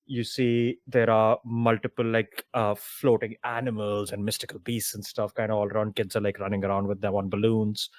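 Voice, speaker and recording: A man narrating a tabletop game as dungeon master, casual and loose, filling pauses with fillers. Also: on the low side, flat delivery, dry recording.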